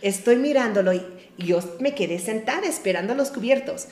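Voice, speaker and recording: A woman's voice: a little high, animated, fairly quick, a little mellow, roomy sound. A woman from Michigan, a missionary, telling stories in a conversational way and often ending sentences with a questioning tag. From Michigan, United States. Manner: chatty, tags sentences with a questioning "no?". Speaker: missionary guest. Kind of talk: conversational storytelling.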